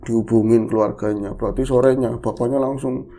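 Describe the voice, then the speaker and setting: A podcast storyteller, telling a horror story casually and acting out the quoted characters with big swings in pitch. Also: fairly even intonation, brisk, mellow.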